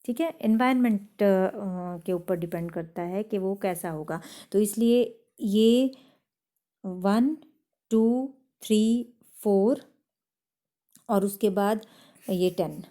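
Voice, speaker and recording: A woman's voice: mid-range voice, takes it slowly, dark tone. A woman teaching a chemistry lesson, explaining step by step and often checking that her students have understood. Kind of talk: classroom lecture.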